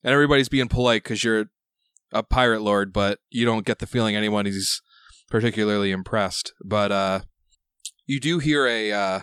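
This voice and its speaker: A man working as game master, improvising narration in a halting, conversational way. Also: on the low side, a bit bright, clean tone, dry recording. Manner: halting, conversational phrasing with repeated "like".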